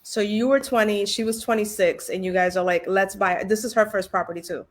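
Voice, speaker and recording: A woman in her forties hosts a casual livestream interview. She is playful and animated, repeats her lines, and has a middle-pitched voice. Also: a little fast. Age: 40s. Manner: animated, playful, repeats herself, acts out other people. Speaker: host.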